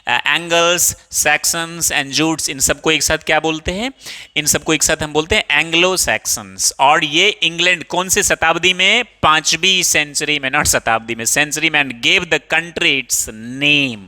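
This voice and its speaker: An Indian man explaining a textbook lesson, posing questions to his class and answering them himself. His voice is very bright and sits a touch high. It rings out with a long reverb, as if he is in a hall. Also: moderate pace, clean tone. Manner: calls students "babu", asks and answers his own questions. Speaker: English teacher. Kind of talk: explaining a textbook chapter in Hindi with English phrases.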